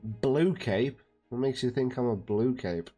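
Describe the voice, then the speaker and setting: A man's voice: mid-range voice, a little slow, warm tone, faint music behind, close to an everyday voice. A man playing a blunt adventurer who coldly interrogates a prisoner in a tabletop game. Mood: dismissive. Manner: blunt, threatening.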